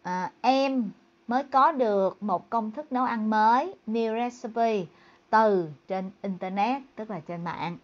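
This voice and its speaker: A woman English teacher giving a bilingual lesson. She reads dialogue lines slowly and clearly, then explains them in a chatty tone. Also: a little high, dull audio.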